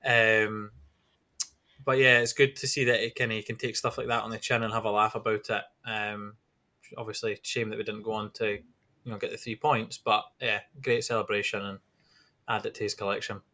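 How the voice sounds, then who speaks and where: A man gives his views in casual football chat. His voice is bright and forceful, sitting a little low, with fairly even intonation. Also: moderate pace. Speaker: football podcast panellist.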